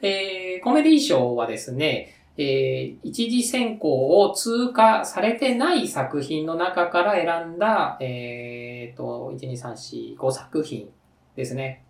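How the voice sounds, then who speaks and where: A Tokyo man hosts and judges a story contest in a casual podcast chat, lively and rambling, with frequent fillers and laughs. His fairly high, creaky voice takes its time, and he sits a bit off mic in an echoey room, far from the microphone.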